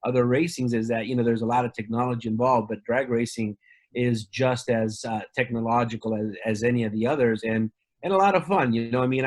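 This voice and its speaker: A man from Argentina, a company representative, talking casually in an interview with many fillers and restarts. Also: medium pitch.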